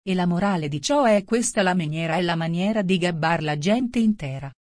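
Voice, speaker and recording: A woman's voice: lowish voice, lively intonation, fairly quick, darkish tone, no room sound, lightly acted. Moralizing old duchess, voiced by a woman, sententious, fawning, storybook, dry sound.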